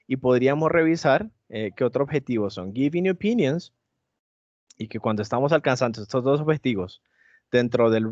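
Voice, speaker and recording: A man presenting an online teacher training, pausing often with fillers and checking in with his listeners as he goes. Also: medium pitch, darkish tone, no room sound. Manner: hesitant, many fillers and tag questions. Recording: dry, dull lo-fi mic.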